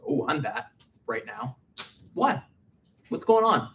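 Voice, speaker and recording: A man's voice: mid-range voice, sing-song, takes it slowly, a bit bright, recorded from a distance. A man preaching a casual midweek sermon, chatty and full of "like" fillers. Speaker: pastor.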